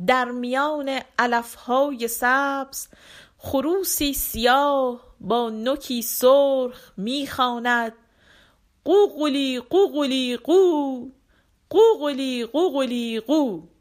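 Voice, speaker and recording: An excitable, self-pleased old folk-tale sage who bosses and boasts with bouncing eagerness, as a woman storyteller puts him on. The voice sits high and swoops around lively. It sounds like a storybook reading. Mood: sing-song recital. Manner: eager, bossy, pleased with himself. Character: Mulla Nasreddin, excitable self-satisfied old village wit.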